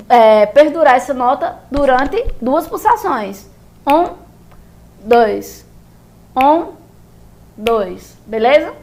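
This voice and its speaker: A Brazilian woman teaching music theory, explaining rhythm step by step and checking in often with her viewers. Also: high-pitched. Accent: Brazilian Portuguese. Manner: patient, repeats and checks in with "beleza?".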